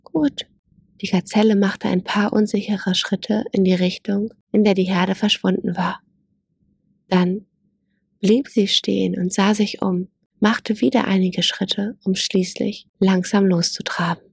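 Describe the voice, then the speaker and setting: A woman reading a story aloud and then reflecting gently as host, soft-spoken and unhurried, in a yoga studio. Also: medium pitch, little pitch movement, gravelly, husky, no echo.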